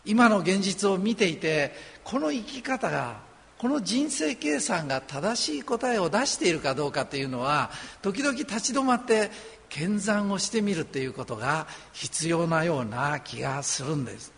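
A man from Osaka, Japan preaching a sermon as a pastor, earnest and conversational with gentle humor. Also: high voice, sing-song, normal speed, creaky, breathy edge. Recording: long hall reverb.

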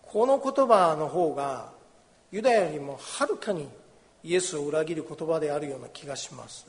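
A fairly high-pitched man preaching a sermon, a pastor who reads from the Bible and then explains it in a gentle, conversational way. His voice carries a long reverb, as if recorded in a large church sanctuary. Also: expressive, moderate pace.

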